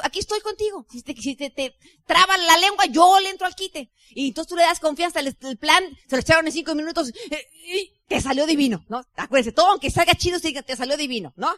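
Bright-voiced Mexican woman coaching a crowd. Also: high voice, no echo, clean studio sound. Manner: chatty, lively, addresses the audience directly. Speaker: network marketing leader. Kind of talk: motivational business talk.

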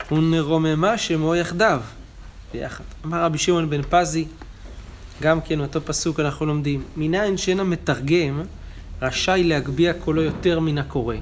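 A man. He explains line by line and raises his voice to chant each quoted verse. Faint noise sits under the recording. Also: a little high. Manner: explains texts, chanting quotations louder. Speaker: Talmud teacher. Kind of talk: daily Talmud class.

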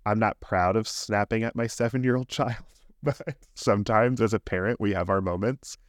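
A man's voice: fairly low pitch, normal speed, no echo, clean studio sound. A man in his thirties, a podcast co-host, telling a candid, rambling story in casual chat.

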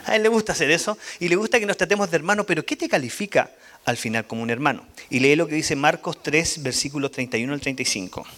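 A man teaching a Bible lesson to a church group, animated and asking the audience frequent questions. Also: on the high side, fast talker.

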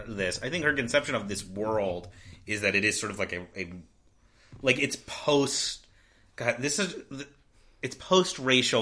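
A man's voice: medium pitch, bright, forceful tone. A man co-hosting a podcast, chatting casually about a novel with lots of fillers and restarts. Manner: rambling, many fillers and restarts. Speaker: podcast co-host. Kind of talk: casual book discussion.

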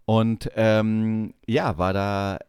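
This podcast co-host, a young man with a lowish, clear, and resonant voice, speaks extremely slowly as he relates a long personal story in casual conversation. He animatedly acts out the quoted dialogue of the people in it, captured in clean studio sound without room ambience.

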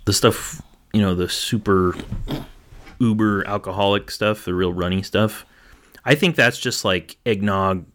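A man's voice: on the low side, steady tone, measured pace, a bit bright. A man co-hosting a casual podcast, talking hesitantly with lots of fillers and restarts. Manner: hesitant, filler-heavy, self-deprecating. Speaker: podcast co-host. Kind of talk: casual chat.

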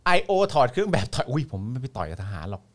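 A man's voice: mid-range voice, racing. A young man hosting a casual live stream, reading viewer comments and joking with a co-host. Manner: joking, animated, laughs often, swears casually.

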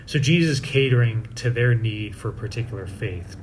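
A man's voice: lively intonation, normal speed. A man speaking as a priest at Mass, giving scripture readings and an informal homily in a plain manner. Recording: clear background noise with low rumble.

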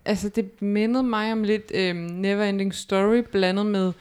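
A woman co-hosting a casual podcast, chatting playfully and reacting with quick comments. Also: mid-range voice, fairly even intonation, a little mellow, smooth. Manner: playful, quick comments, bursts into jingle singing. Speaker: podcast co-host. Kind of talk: casual chat.

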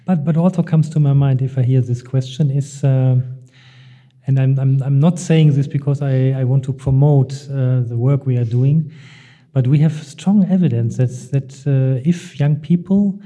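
A man, a non-native English speaker, answering interview questions in a hesitant, halting way, searching for words as he explains his work. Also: mid-range voice, mellow. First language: not English. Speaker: interview guest working in European youth work.

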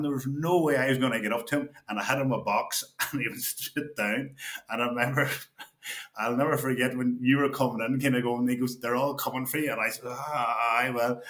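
A man's voice: medium pitch, fairly bright tone. A man, a former player telling laughing, rambling stories from his playing days. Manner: laughing anecdotal storyteller, repeats himself. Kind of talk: storytelling chat. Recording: roomy echo.

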